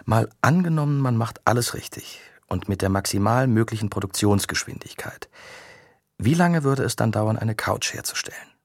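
A man's voice: on the low side, expressive, creaky, no room sound, clean studio sound. Curious teasing young woman, read by a man. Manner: playful, quick questions.

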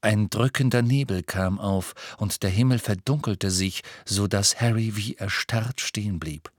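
A man narrating an audiobook with steady, measured storytelling. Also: lowish voice, dry recording, clean studio sound. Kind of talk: scripted narration.

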